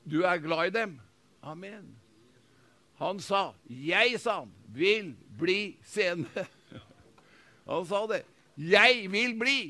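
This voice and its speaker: Bright-voiced preaching man, high pitch. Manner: fervent preaching with repetition and call-and-response; shifts from loud proclamation to hushed storytelling. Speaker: pastor. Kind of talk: sermon.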